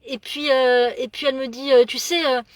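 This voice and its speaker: A middle-aged woman telling a story in a lively monologue, acting out the voices of the people in it and often repeating words. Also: high-pitched, normal speed, dry recording. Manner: animated, acts out dialogue, many repeated words. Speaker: religious speaker.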